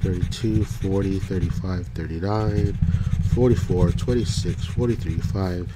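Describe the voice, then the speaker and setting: Scratching lottery tickets, a low-pitched man whose voice is stuffed up by a cold reads off the numbers slowly, one at a time, in an offhand running commentary. Heavy background noise fills the recording.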